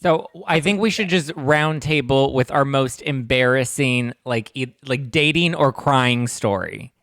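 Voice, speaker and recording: A man's voice: mid-range voice, unhurried, a bit bright, dry recording, studio quality. A man hosting a podcast, casually steering the chat. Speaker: podcast host.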